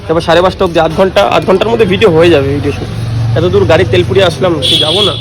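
A man's voice: high-pitched, rapid-fire, heavy background noise. A young man from West Bengal, chatty and playful, vlogging on a handheld phone at a lakeside park. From West Bengal, India. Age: young adult. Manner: chatty, addresses viewers as brother, playful. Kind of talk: casual vlog narration. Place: outdoor park by a lake, street.

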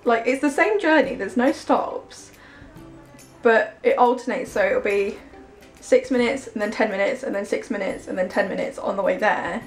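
Faint music plays behind this medium-pitched, moderately paced woman. She's a twenty-something English-accented vlogger and dog handler talking casually to a handheld camera at arm's length, moving between a kitchen, a train and a station platform.

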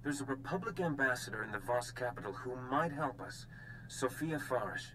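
A man's voice: medium pitch, expressive, moderate pace, bright, forceful tone, a little hiss or hum, poor audio. An actor playing a cautious male political ally in a video game, briefing a hero in a matter-of-fact, advisory tone. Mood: informative. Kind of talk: video game dialogue acting.

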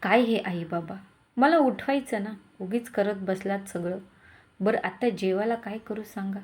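A woman's voice: mid-range voice, unhurried, darkish tone, natural voice. A woman voicing a flustered young wife. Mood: apologetic. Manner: flustered, worried. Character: anxious young wife and mother.

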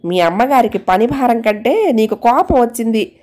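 A woman's voice: a little high, animated, normal speed, darkish tone, natural voice. A woman voicing a fussy elderly mother-in-law. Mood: relieved.

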